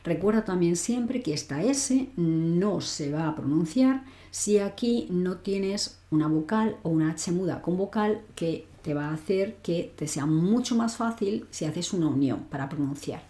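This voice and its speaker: A woman leads an online grammar lesson, walking through each rule step by step and checking in with the learner as she goes. Her voice sits a little low and sounds mellow. The recording has a noticeable echo from the room. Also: animated, unhurried, hardly any pauses. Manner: explains step by step, often checks with "¿vale?". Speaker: language teacher.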